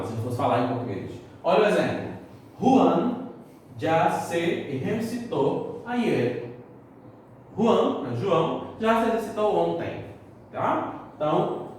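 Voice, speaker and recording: A man's voice: on the high side, a little hiss or hum. Brazilian guy teaching class, keeps checking the students follow, big echo, mic a bit far off. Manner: explains step by step, checks in with the students. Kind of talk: recorded classroom lesson. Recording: echoey room, mic at a distance.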